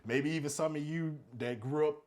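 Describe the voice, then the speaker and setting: A man's voice: fairly high pitch, normal speed, darkish tone. Rambling, cursing man in his thirties. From United States. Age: 30s. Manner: rambling, profane, frequent restarts and fillers. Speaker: podcast co-host. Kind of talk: casual chat.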